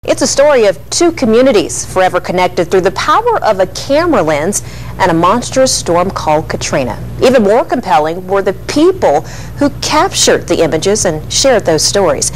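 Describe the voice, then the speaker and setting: A woman news anchor introducing stories and asking a measured question. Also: mid-range voice, big pitch swings, rough recording.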